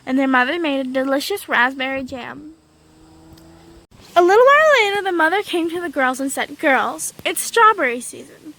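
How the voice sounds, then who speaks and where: A woman telling a fairy tale in a lively, unscripted way, with small slips and repetitions. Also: high-pitched, a little fast, low-quality recording. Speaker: storyteller. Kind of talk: casual storytelling.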